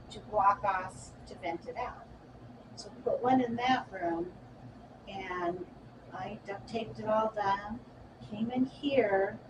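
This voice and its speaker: A woman working in the shop, telling in a casual, animated way how a ghost frightened her, laughing at herself. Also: mid-range voice. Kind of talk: casual storytelling. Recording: distant mic with loud background noise.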